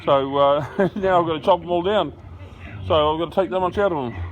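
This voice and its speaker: Man, fairly high pitch, slightly slurred mumbling, rambling self-deprecating delivery, casual outdoor vlog narration. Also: fairly quick, dull audio. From Australia. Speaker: builder vlogging his house-raising job. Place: outdoor building site, gravel ground.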